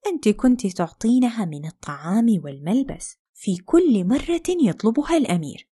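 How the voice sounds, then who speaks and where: A woman's voice: mid-range voice, sing-song, a little fast, warm tone, breathy edge. A woman voicing a scheming palace maidservant who coaxes her queen in a fairy tale. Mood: scheming, coaxing. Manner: coaxing, urgent.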